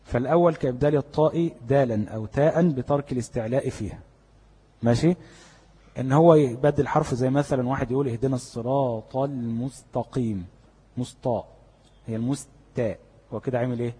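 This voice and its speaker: A man with an Egyptian Arabic accent lectures on tajweed, the rules of Quran recitation, explaining step by step and asking his students questions he then answers himself. His voice is medium-pitched, quick, dark in tone and slightly rough, with a big-room sound.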